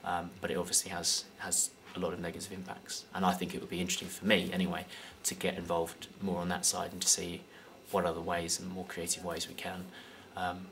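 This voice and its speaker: A young Englishman with a very low, gravelly voice gives casual interview answers. He stops and starts often, filling his gaps with ums. His accent is English. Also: completely flat delivery, brisk, hardly any pauses, a bit bright, a little hiss or hum. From United Kingdom. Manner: hesitant, many fillers and restarts. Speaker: guest.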